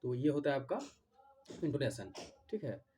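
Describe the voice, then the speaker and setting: Man lecturing, dark voice. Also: mid-range voice, very animated, a little hiss or hum. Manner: repeats key terms slowly, often adds "theek hai". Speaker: teacher. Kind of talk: exam-prep lecture mixing Hindi and English.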